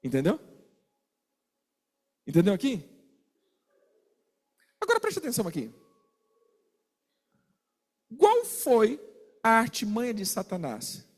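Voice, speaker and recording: High-voiced preacher guy, pitch jumping all over, long hall echo. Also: slow pace, pauses often. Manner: animated, asks the congregation questions and acts out quarrels. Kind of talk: sermon.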